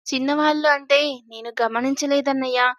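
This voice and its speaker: A woman's voice: sits high, steady tone, brisk, fairly bright tone, dry recording, lo-fi sound. A woman doing a flustered naive young man.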